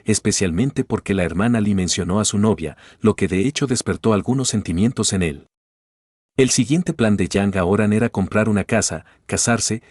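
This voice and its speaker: A man narrating a light novel as an audiobook, in a steady, even reading. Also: lowish voice, dry recording, clean studio sound.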